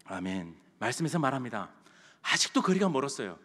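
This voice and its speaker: A man's voice: medium pitch, sing-song, a little fast, a bit bright, husky. A male pastor giving an impassioned sermon in a church sanctuary, repeating his phrases for emphasis. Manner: impassioned, repetitive preaching. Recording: long church hall reverb.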